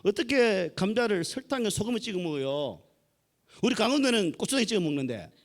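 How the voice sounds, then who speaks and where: Man, as incredulous judge, lively delivery. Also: high-pitched, fairly quick, voice pushed up. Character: bemused middle-aged male judge.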